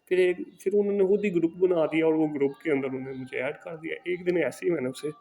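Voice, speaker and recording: A man with a Pakistani Urdu accent, a home tutor, tells a story in a casual, earnest monologue and keeps tagging his sentences with a quick "okay". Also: a little high, vocal fry, dark tone. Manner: earnest, repeats "ٹھیک ہے" as a tag.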